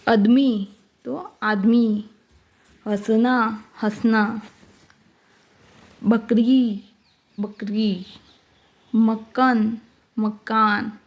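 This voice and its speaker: A woman teacher slowly explaining a workbook, spelling out each word with care. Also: a little high.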